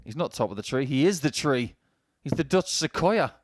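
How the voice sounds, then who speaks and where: A man's voice: mid-range voice, lively intonation, moderate pace, no echo. A man commentating on darts in a chatty, joking style, full of wry anecdotal banter.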